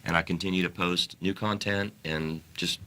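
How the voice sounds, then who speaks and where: A man with a notably low voice and a bright, forceful edge. He talks as an interview guest in an earnest, halting way, often restarting his sentences. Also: fairly even intonation, slight background noise. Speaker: guest author. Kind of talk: interview talk.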